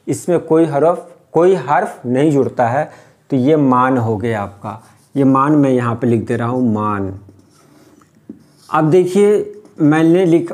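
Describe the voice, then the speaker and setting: A man teaching how to write letters, explaining patiently and repeating each point slowly. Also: medium pitch, darkish tone. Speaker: Urdu script teacher. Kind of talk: step-by-step writing lesson.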